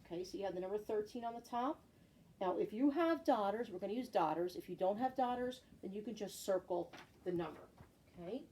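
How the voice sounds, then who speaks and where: A woman's voice: mid-range voice, lively intonation, fairly quick, mellow. A middle-aged woman leading a counting lesson for young children like a kids show host, with simple guiding questions and repeated key words, recorded at home. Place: living room at home. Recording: clear background room noise, home recording.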